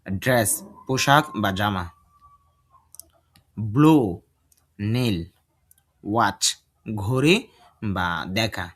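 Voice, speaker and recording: A man teaching an English lesson, drilling sentences slowly and translating each one. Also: lowish voice, lively intonation, a bit bright. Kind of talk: bilingual language lesson.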